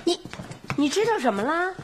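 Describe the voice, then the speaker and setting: A woman's voice: very high voice, very animated, normal speed, slight background noise. A woman playing a flustered, defensive mother in a family sitcom. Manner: flustered, stammering when caught.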